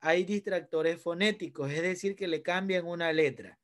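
A man with a high-pitched voice and an Ecuadorian accent leads a lesson. He explains each point step by step and often turns to the students with questions. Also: moderate pace. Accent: Ecuadorian Spanish. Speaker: teacher. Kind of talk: online class lesson.

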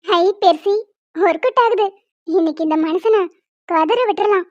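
A woman voicing a very high-pitched sly young wife. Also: moderate pace, no echo. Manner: sly and coaxing, cutesy. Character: scheming playful young wife, teasing and caring. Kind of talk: cartoon voice dubbing. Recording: dull dry lo-fi sound.

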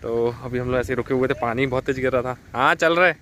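A man's voice: medium pitch, quick pace, fairly bright tone, slight background noise. A man chatting casually as he narrates a road trip vlog from inside a car. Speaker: vlogger.

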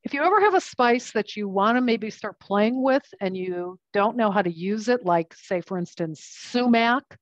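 A woman's voice: medium pitch, expressive, normal speed, few pauses, dry recording, muffled recording. Chatty woman teaching a cooking class. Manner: chatty, explains while working with her hands. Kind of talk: live cooking demonstration.

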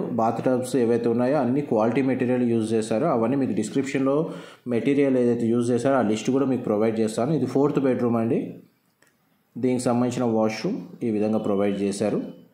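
A man's voice: mid-range voice, a little fast. Man touring a house, echoey rooms. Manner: steady explanatory, fillers, Telugu-English mixing. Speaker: property tour host. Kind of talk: walkthrough narration.

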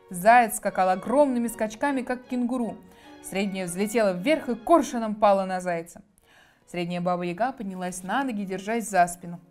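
A woman reading a fairy tale aloud for children in a soft, expressive way. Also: medium pitch. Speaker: storyteller.

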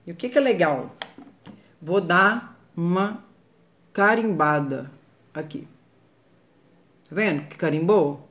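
A woman's voice: on the low side, a little hiss or hum. Chatty Brazilian woman teaching makeup. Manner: chatty, greets viewers by name while working. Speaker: makeup artist. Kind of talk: live makeup tutorial. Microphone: phone.

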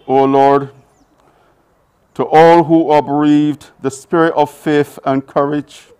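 Slow, solemn male officiant. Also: a little high, clear, resonant tone. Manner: slow, solemn recitation, trailing off softly at phrase ends. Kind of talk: liturgical reading at a burial service.

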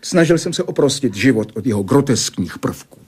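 A man performs an older physicist in a radio drama, begging one moment and philosophizing the next. The voice is husky and slightly breathy, with a wide, lively pitch that sometimes drops to a whisper. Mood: lecturing. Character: older male physicist, pleading, lecturing. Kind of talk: Czech radio play acting.

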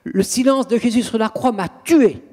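A contemptuous, hateful demon who declaims in a high, husky voice, as a priest puts him on. His words carry a long hall reverb. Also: moderate pace, darkish tone.

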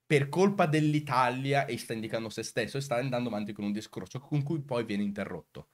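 Male commentary host, medium-pitched voice, emphatic delivery full of rhetorical questions to the audience. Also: brisk. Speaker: video host. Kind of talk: commentary answering comments on recorded clips.

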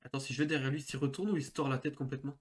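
A man's voice: mid-range voice, little pitch movement, rapid-fire. A young man streaming a horror game, reacting in informal, slangy, joking commentary. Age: young adult.

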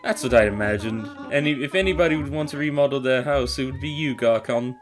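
A man's voice: mid-range voice, fast, faint music behind, close to an everyday voice. A man reading out the lines of a salesy male raccoon shopkeeper in a video game, with a coaxing patter. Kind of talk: reading game dialogue aloud.

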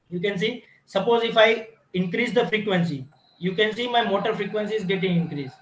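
A man's voice: sits high, normal speed, fairly bright tone. A man teaching a technical lab demonstration, explaining step by step with frequent restarts and repeated "you can see". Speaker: instructor. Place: automation lab with equipment. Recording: echoey room.

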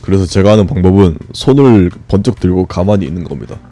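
A man's voice: expressive, quick pace, no echo. Swearing, exasperated man gaming. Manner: swears often and grumbles at the game, with sudden high shouts. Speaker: game streamer. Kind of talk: frustrated live gameplay commentary.

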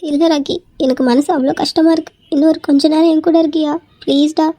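A woman plays a clingy young woman in a cartoon, pleading and heaping on thanks with a scheming edge. Her voice is high and quick but mellow, and the sound is dry and close. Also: level tone, no room sound, natural voice. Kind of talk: cartoon voice acting.

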